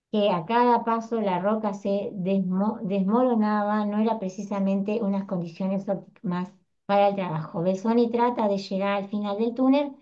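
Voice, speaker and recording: A history teacher lectures her class, explaining things step by step in a conversational style with frequent tag questions. Her voice is medium-pitched, and the audio sounds dull.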